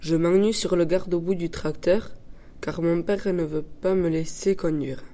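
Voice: mid-range voice, fairly even intonation, measured pace, dark tone, natural voice. An actor voicing a bored, restless young boy, narrating his story in the first person. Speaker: narrator of a child character. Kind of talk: first-person dramatic reading.

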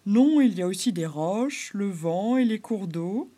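A woman voicing a calm, wise male beaver, kindly and patient in a storybook reading. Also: mid-range voice, a little slow.

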